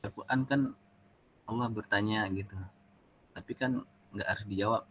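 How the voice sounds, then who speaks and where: A man's voice: fairly low pitch, fairly even intonation, moderate pace, a bit bright, breathy edge, rough recording. A man with an Indonesian accent, a student asking hesitant questions from across the classroom.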